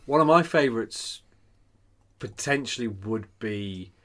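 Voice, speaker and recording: A man in his thirties from England, co-hosting a podcast in casual, joking chat. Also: mid-range voice. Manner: quick, animated, joking. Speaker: podcast co-host.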